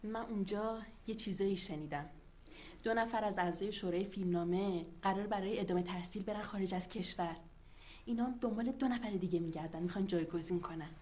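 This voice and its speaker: A woman's voice: mid-range voice, a little mellow, a little hiss or hum, lightly acted. A woman playing a persuasive office worker who is scheming and coaxing in a TV drama. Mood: confiding. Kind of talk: TV drama acting.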